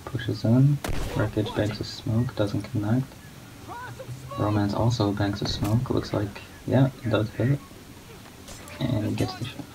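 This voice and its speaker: A man giving low-key, monotone play-by-play commentary on a competitive match as a guest commentator. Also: a little slow, vocal fry, long pauses. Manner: not much of a talker. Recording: steady background noise.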